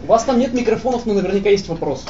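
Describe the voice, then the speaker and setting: Мужчина ведёт живое обсуждение с публикой, его голос отдаётся эхом, как в пустом складе. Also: male voice, high-pitched, animated, rapid-fire, crowd noise. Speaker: event moderator. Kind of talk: informal live discussion with an audience. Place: echoey indoor hall at a live event. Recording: echoey hall, distant mic, muffled, noisy.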